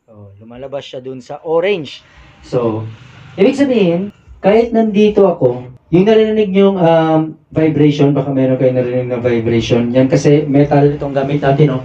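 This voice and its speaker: Filipino-style tech vlogger, slightly high voice. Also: male voice, expressive, normal speed, highs cut off. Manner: explains step by step, shouting test calls into the mic. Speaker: audio equipment vlogger. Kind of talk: casual how-to demonstration. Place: small room with a mixer and speaker.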